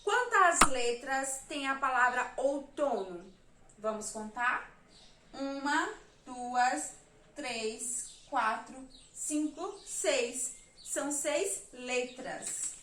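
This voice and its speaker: A woman teacher from Brazil giving a remote lesson to young children, counting letters and syllables slowly and patiently. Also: sits high, pushed and bright, echoey room.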